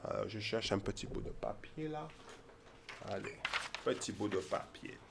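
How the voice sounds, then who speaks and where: A man's voice: fairly low pitch, animated, moderate pace, creaky, noisy background. A man giving informal Bible teaching, repeating his points with emphasis and often checking in with his listeners. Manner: repetitive, emphatic, keeps checking in with "ok?" and "hein?".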